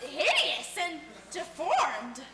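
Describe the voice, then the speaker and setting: A woman's voice: sits high, wildly swooping pitch, drawn-out words, full character voice. A woman playing a naive, vain young woman who talks in a gushing, overdramatic way in a stage comedy. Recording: echoey stage recording, noisy.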